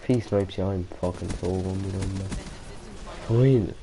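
A man's voice: low-pitched, normal speed, background noise. A young man giving casual, frustrated commentary on his own gameplay, swearing and muttering to himself. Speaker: gamer.

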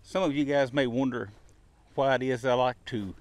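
A man's voice: medium pitch, steady tone, normal speed, no echo. A middle-aged man hosting his shooting vlog, explaining step by step in a plain, easygoing way from a covered outdoor range bench. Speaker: shooting channel host. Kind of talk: casual instructional vlog.

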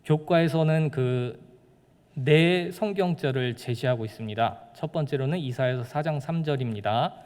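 A man's voice: medium pitch, moderate pace, darkish tone, long reverb tail. A man preaching a sermon as pastor, in a conversational way with rhetorical questions. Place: church.

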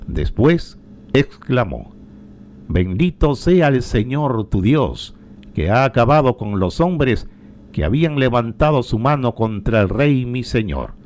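Man, liturgical reader, unhurried, lively pitch, solemn scripture reading.

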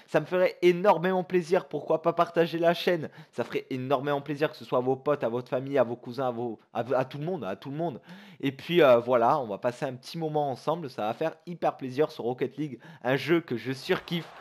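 A young man commentating his own gameplay for viewers, excitable and chummy, swearing and shouting at the game. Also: medium pitch, a little fast. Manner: chummy, keeps calling viewers his pals. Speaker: gaming YouTuber.

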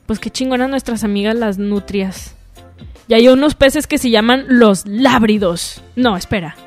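A woman's voice: on the high side, measured pace, darkish tone. A young woman with a Mexican accent hosting a casual solo radio show, chatty and full of slang and swearing. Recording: music playing faintly behind.

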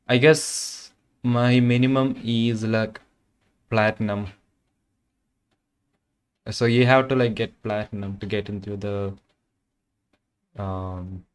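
A young Indian-accented man from Kerala, whose mother tongue is Malayalam, makes casual conversation with viewers on a game stream, his speech loose and packed with fillers. He speaks into a condenser microphone in a fairly low, clear, resonant voice.

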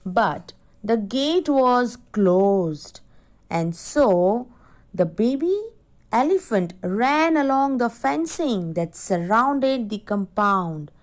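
Woman teacher, story reading for schoolchildren: slow, explanatory, fairly high voice. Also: animated. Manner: slow and explanatory, stops to define words for children. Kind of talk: reading a story aloud in an English lesson.

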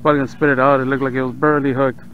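A man with a South Texas accent giving relaxed running commentary while fishing from a kayak on open bay water, talking to the fish and his viewers. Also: mid-range voice, racing. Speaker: fishing vlogger. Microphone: action camera on the kayak. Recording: dull outdoor camera audio with faint water noise.

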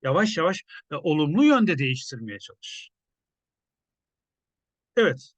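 A journalist commenting in a casual, conversational way, musing with many hesitations. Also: male voice, a little high, very animated, measured pace, no echo.

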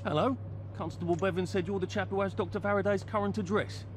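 High-voiced, polite British everyman played by a man. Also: steady tone, fast talker, a little hiss or hum, lightly acted. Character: polite, nervous Englishman, mild everyman hero. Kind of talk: video game character acting.

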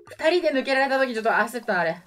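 A man's voice: very high-pitched, expressive, very fast, fairly bright tone. A man giving live gameplay commentary, reacting as he goes, between muttering to himself and exclaiming. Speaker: gaming streamer. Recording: music and game audio behind. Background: video game music.

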